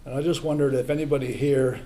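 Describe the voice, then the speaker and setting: An older Englishman with a mellow, dark voice tells a personal story to a live audience. He talks haltingly, with many fillers and chatty asides. It sounds like a small museum event room. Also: mid-range voice, fairly even intonation. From England.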